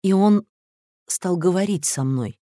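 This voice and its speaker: A man reading an audiobook story, voicing a fragile young woman chess player who speaks in halting, trembling phrases with a raised voice. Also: high-pitched, lively intonation, warm tone, dry recording, studio quality, voice pushed up.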